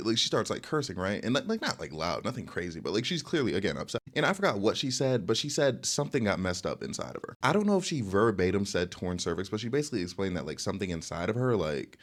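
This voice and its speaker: A young man telling a casual storytime monologue, chatty and loose, tagging nearly every sentence with "okay?" and filling gaps with "like". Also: on the low side. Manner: chatty, repeats "okay?" and "like" constantly. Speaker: storyteller vlogger.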